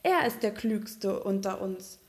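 A woman's voice: medium pitch, animated, takes it slowly. A woman voicing a bossy, mocking hen that lectures the duckling. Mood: scolding.

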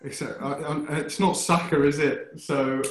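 A man's voice: on the high side, steady tone, unhurried. Sheepish man in an echoey room. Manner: sheepish, apologetic, laughing. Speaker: quiz contestant. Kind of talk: casual chat among friends.

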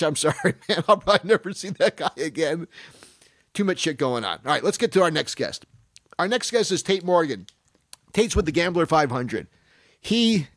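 Older male podcast host in his sixties: loose, rambling storyteller with a slightly raised pitch, close and dry. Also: dry recording. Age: 60s. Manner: rambling storyteller, swears freely, acts out quotes. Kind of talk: casual podcast chat.

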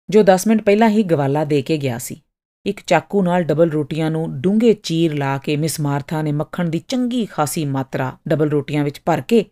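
A woman narrating a short story expressively as an audiobook and podcast host. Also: low voice. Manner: expressive, with rising questions.

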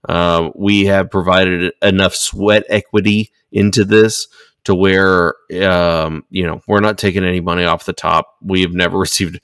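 A man's voice: low voice, fairly bright tone, dry recording, clean studio sound. A man co-hosting a podcast, ranting heatedly and swearing a lot. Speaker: podcast co-host. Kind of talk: casual podcast rant.

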